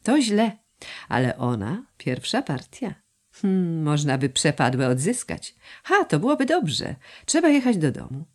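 A woman's voice: low-pitched, very animated, unhurried, exaggerated voice. A woman voicing a cocky young male student in an audiobook, mocking and swaggering. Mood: sly.

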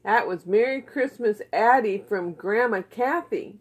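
In a living room by the Christmas tree, a woman chats unhurriedly in a mid-range, slightly rough voice. She asks short, simple, encouraging questions as if to a child watching a home puppet show, and a phone camera a short distance away records her.

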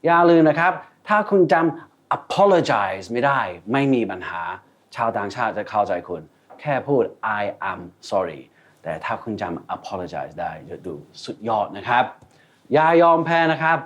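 Man, TV English teacher, slow delivery, lively swoops, upbeat coaching. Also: on the low side. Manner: encouraging, acts out customer lines. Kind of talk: TV English lesson.

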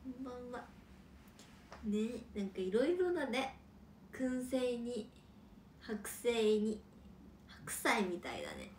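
A young woman hosting a casual livestream and reading out viewer comments, with a chatty, playful manner and soft whispered asides. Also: on the high side, sing-song, slow, pauses often, slight background noise. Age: young adult.

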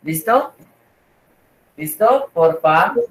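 A teacher talks slowly and patiently, repeating each point and checking that the class follows along. The voice sits back from the mic in an echoey room, like a distant online class. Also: medium pitch, animated. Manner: repeats and checks with "¿cierto?" and "¿listo?".

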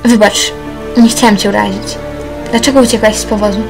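A woman's voice: medium pitch, fairly even intonation, a little fast, natural voice. A woman voicing an old male Doge, pushy and patronizing, in a plain reading voice. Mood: pressing. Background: background music.

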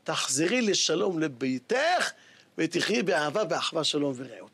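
A preacher playing a humble, revered old male sage who speaks slowly and softly. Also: a little high, big pitch swings, slightly rough, voice pushed down, full character voice. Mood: gentle pleading.

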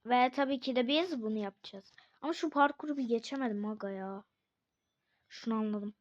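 A young woman giving casual gameplay commentary, excitable, swearing and shrieking at the game. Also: a little high, brisk. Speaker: gaming video creator. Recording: dull lo-fi sound.

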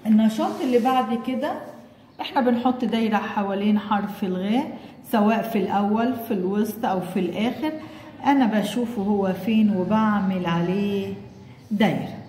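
An Egyptian woman teaching kindergarteners, slowly sounding out letters and syllables as she coaxes the child along. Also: medium pitch, warm tone. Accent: Egyptian Arabic. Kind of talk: recorded lesson for young children. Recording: echoey room with long reverb, faint background noise.

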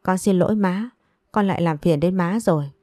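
A woman's voice: fairly low pitch, normal speed, dark tone, no room sound, studio quality, natural voice. Woman reading as a tearful young woman.

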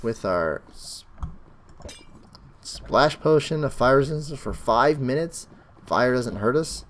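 A man with a sick, raspy throat talks his way through a game, chatting to himself and his viewers as he plays. His voice sits at an ordinary middle pitch. The delivery is loose, casual let's-play commentary. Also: lively intonation, slow, fairly bright tone. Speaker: gaming channel host.

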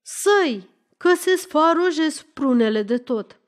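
A woman's voice: a little high, big pitch swings. A woman voicing a defiant, quarrelsome young peasant woman who protests shrilly in an audiobook story. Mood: shrill.

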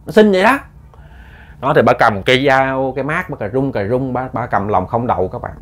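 Folksy ghost-story teller. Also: male voice, mid-range voice, expressive, a little fast, a bit bright. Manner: folksy, repetitive, addresses listeners directly.

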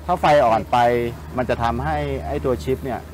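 A man's voice: medium pitch, brisk, a little hiss or hum. A man working as a chef on a cooking show, giving practical, step-by-step instructions in a casual, sometimes teasing way.

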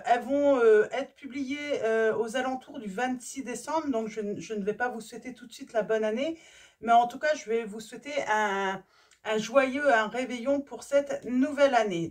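Hoarse woman reading tarot, hesitant. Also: a little high, far from the mic. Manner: hesitant, many fillers and restarts. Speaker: tarot reader. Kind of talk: casual card-reading video.

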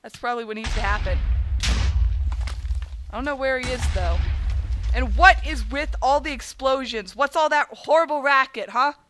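A woman's voice: sits high, normal speed, pauses often, fairly bright tone, a little hiss or hum. A woman giving let's-play commentary, trash-talking enemies with theatrical, playful mock threats. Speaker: gaming video creator.

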